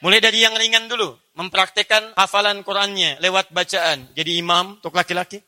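A man with a high-pitched voice preaches an animated Islamic study sermon at a slightly fast pace. He quotes Arabic verses and poses questions to his listeners.

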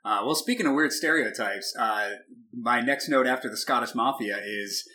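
Male co-host, casual film-chat, bright tense tone, laughs a lot. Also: mid-range voice, moderate pace. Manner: chatty, laughs often, frequent restarts. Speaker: podcast co-host.

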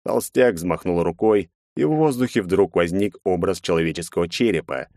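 A man narrating a first-person fantasy audiobook in a tense, measured way. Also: low voice, a little mellow, no echo, clean studio sound.

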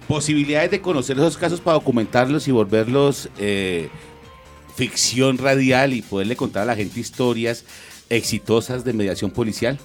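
A man's voice: mid-range voice, moderate pace, soft background music. A man hosting a radio interview, asking questions in a friendly conversational way. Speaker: radio host.

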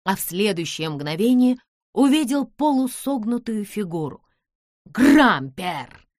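A woman's voice: mid-range voice, lively intonation, normal speed, no room sound, studio quality. A woman reading an adventure audiobook aloud as scripted narration.

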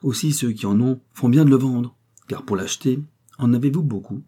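Sly old female haggler in a storybook, voiced by a man, husky, pushy and loud. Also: medium pitch, pitched above the performer's own voice, lightly acted. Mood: haggling. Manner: haggling, sly, quick to take offense. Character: shrewd greedy old female secondhand-clothes dealer. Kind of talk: audiobook reading.

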